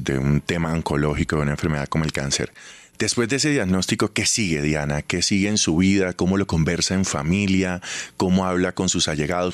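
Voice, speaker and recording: A man's voice: sits low, dry recording. A man hosting an interview, asking probing and empathetic questions. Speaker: interviewer host.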